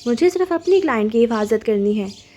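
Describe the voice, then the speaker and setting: Woman doing a calm female therapist, storybook, fairly high, mellow, steady, reasoning. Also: slight background noise, natural voice. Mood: firm. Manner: measured, firm, reasoning.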